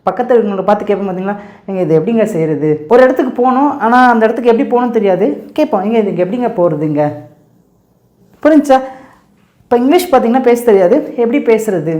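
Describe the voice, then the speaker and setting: Woman, English teacher, casual drilling, higher voice, roomy echo. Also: mellow. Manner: repetitive, drilling with quick questions and answers. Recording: echoey room.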